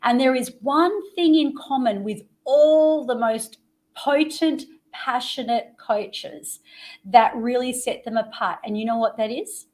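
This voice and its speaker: A middle-aged woman hosting a live interview show. Her voice sits fairly high, and she takes her time. She builds her lines with eager, dramatic emphasis. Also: unhurried, darkish tone. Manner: enthusiastic, promotional, dramatic emphasis.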